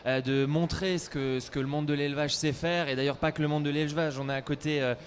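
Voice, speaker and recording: A young man at a trade fair speaks eagerly into a handheld mic, often stumbling and repeating words. His voice sits a little high, with a faint hum of the hall behind him. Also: fairly even intonation, quick pace. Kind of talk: casual interview at a trade fair. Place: trade fair stage, indoors.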